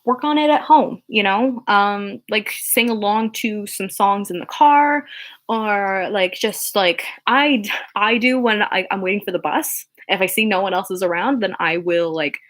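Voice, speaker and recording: Speaking at a measured pace, a young adult woman with a low, fairly bright voice chats casually on a livestream without a script. She rambles with lots of fillers and restarts while answering viewer questions in an earnest, encouraging manner.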